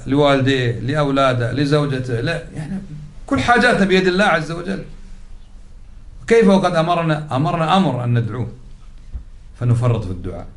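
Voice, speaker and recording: A man teaching a religious lesson, explaining patiently, repeating key words and putting questions to his class. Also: medium pitch. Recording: roomy echoey recording.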